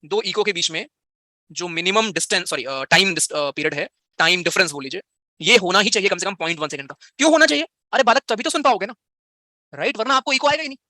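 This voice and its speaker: A man's voice: high voice, fast, sharp tone, dry recording, studio quality. A young man teaching physics in a live online class, playful and teasing as he banters with his students.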